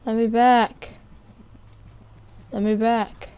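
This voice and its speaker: A young woman commenting on a horror game as she plays, jumpy and sarcastic, thinking out loud. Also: fairly high pitch, little pitch movement, extremely slow, clear, resonant tone. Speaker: gamer playing a horror game. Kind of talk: let's play commentary.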